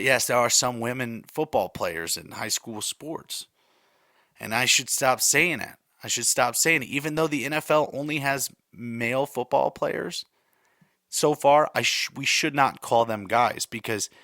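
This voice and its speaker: A man's voice: mid-range voice, unhurried, bright, forceful tone, dry recording. Rambling thirty-something man, dry close sound. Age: 30s. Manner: rambling, conversational, repeats himself, many fillers. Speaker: podcast host. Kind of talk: casual solo podcast chat.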